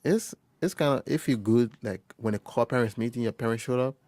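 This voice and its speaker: A young man from Liberia, a first-year college student, telling his story in an interview in a halting way, often restarting and quoting conversations. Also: mid-range voice, darkish tone, no echo, studio quality. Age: young adult. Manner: halting, with frequent restarts and quoted dialogue. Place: quiet recording booth.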